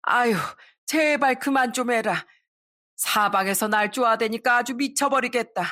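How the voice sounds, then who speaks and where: A woman voicing a sharp-tongued older mother-in-law who scolds and complains. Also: a little high, moderate pace, voice pushed up. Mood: defensive. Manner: scolding, whiny exclamations.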